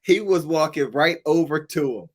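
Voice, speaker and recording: A man's voice: fairly high pitch, animated, normal speed. A man co-hosting a podcast, chiming in with laid-back, teasing remarks. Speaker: podcast co-host. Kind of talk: casual podcast chat. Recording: loud background noise.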